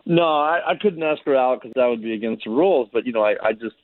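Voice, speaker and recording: A man calling a radio show over the phone, talking in a halting, hesitant way with many fillers. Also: mid-range voice, no echo. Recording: tinny phone line, dry.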